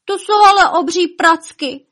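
A woman voicing a group of small distraught elves in a storybook, wailing and lamenting loudly. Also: very high voice, pitched above the performer's own voice.

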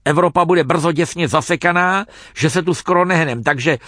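Vain old chief guy man putting it on, kinda high, sentimental, blows up fast. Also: no room sound, clean studio sound. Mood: lecturing. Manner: sentimental, flares into shouting.

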